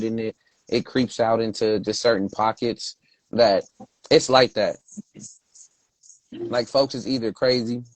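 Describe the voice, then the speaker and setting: A man's voice: medium pitch, dry recording, rough recording. A man from Brooklyn hosting a casual chat, talking in laid-back street slang. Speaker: host.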